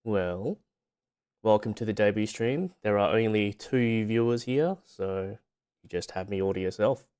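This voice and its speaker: Smooth, low-voiced man chatting casually on stream. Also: measured pace, darkish tone. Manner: informal, rambling, lightly self-deprecating, mild swearing. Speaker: VTuber streamer on debut stream. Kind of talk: casual livestream chat. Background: background music.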